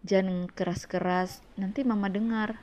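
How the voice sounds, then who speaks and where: A woman's voice: mid-range voice, steady tone, normal speed, darkish tone, natural voice. A woman reading a firm, restrained husband. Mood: hushed. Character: calm, firm adult husband. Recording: dull lo-fi audio.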